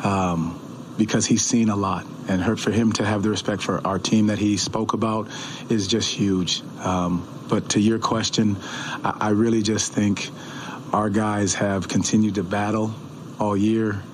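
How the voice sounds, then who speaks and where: Low, flat-voiced coach at a press conference. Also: male voice, a little hiss or hum, poor audio. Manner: measured, repeats words and restarts often. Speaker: head coach. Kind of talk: postgame press conference answers. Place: press room in an arena. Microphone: table mic on a stand.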